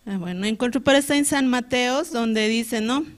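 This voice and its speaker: A woman's voice: fairly high pitch, normal speed. A woman with a Bolivian Spanish accent gives a personal church testimony, retelling frankly and earnestly and tagging nearly every phrase with a questioning "¿no?". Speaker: church member giving testimony.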